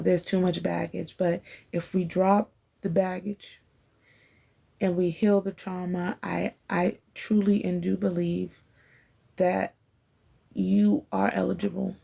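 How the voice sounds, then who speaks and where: A woman in her forties talking casually and warmly encouraging others on a faith-based podcast, often laughing between thoughts. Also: fairly low pitch, gravelly, breathy edge. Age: 40s. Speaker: podcast speaker.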